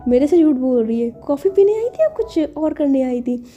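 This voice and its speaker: A woman's voice: high voice, very animated, normal speed, dark tone, muffled recording, soft background music. A woman voicing a shameless, teasing female boss who jokes with her friends in a storybook romance. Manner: playful, mocking banter.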